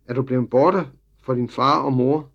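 A man's voice: medium pitch, fairly even intonation, creaky, highs cut off. A man voicing a fat, bad-tempered little officer who speaks in a sugary, overly friendly way. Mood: falsely sweet.

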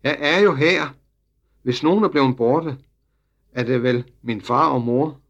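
A man's voice: mid-range voice, a bit bright, dull audio, pitched above the performer's own voice. A man voicing a cheeky, stubborn little farm boy in a storybook reading, with an eager, raised delivery. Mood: indignant.

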